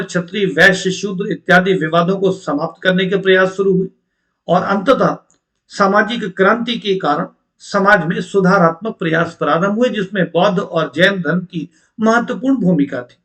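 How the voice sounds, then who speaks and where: A man with a notably high voice delivers an online lecture to exam candidates. He explains patiently and addresses the students directly, often asking questions and answering them himself. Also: a bit bright. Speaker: teacher.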